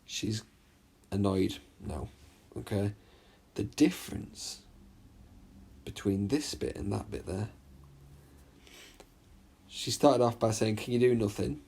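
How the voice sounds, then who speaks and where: Guy teaching literature revision, lowish mellow voice, keeps asking okay?. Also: vocal fry, slightly rough. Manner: chatty, checks understanding with "okay?"; reads the extract aloud slowly. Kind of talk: exam revision lesson.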